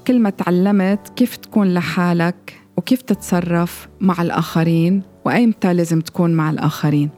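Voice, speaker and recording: A woman's voice: on the low side, warm tone. A woman with a Lebanese Arabic accent hosting a solo self-help podcast, addressing the listener directly in repeated, parallel phrases. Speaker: podcast host. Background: faint music.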